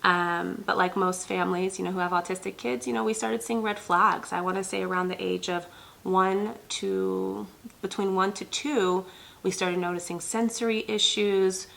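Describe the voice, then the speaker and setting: Her voice is medium-pitched, steady, gravelly and a bit bright, at a moderate pace. This thirty-something pediatric nurse practitioner from Ethiopia hosts her channel, speaking earnestly to viewers in a personal talk with frequent ums.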